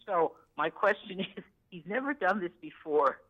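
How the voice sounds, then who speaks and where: Her voice is lowish and animated, at a moderate pace, coming through narrow, tinny audio. She's a caller in her sixties on a vet show, polite and slightly hesitant, with plenty of "uh" fillers and "yes, sir" replies.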